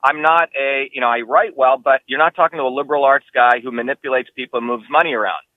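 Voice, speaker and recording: A man's voice: fast, dry recording, phone-quality sound. A man, who grew up in New Jersey, answering interview questions as a political candidate, talking emphatically and insistently. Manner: emphatic, insistent, rising pitch when heated.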